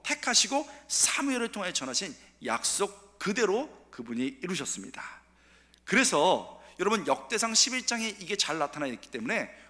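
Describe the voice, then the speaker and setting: A man preaches a revival sermon in a church sanctuary. His bright voice sits a little high and swings widely. He acts out the people he quotes, dropping to near whispers and rising to shouts, and long reverb follows each phrase. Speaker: pastor.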